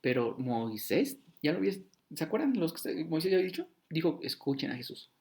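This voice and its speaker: A man's voice: a little high, sing-song, a little fast, vocal fry. A man giving a casual Bible teaching sermon, talking conversationally and acting out short dialogues. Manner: conversational, acts out short dialogues with shifting voice and loudness. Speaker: preacher.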